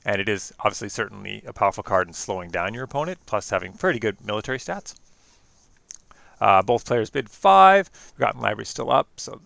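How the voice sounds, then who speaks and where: A man with a Canadian accent giving chatty live-stream commentary on a card game, quick and full of fillers and restarts. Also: fairly low pitch, lively intonation, vocal fry, a bit bright, no echo.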